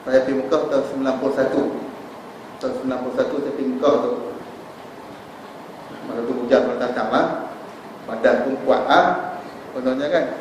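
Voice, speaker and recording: A man's voice: medium pitch, background noise. A man preaching a sermon with a Malaysian Malay accent, telling stories and addressing his listeners directly. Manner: storytelling, addresses audience as tuan-tuan. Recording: echoey hall, voice from far off.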